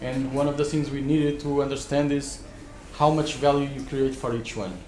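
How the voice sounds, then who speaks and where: Man giving halting advice in an echoey room. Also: mid-range voice, flat delivery, darkish tone, slight background noise. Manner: halting, repeats words as he rethinks. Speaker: expert panelist advising startups. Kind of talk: spontaneous advice at a live panel. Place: wood-panelled conference room.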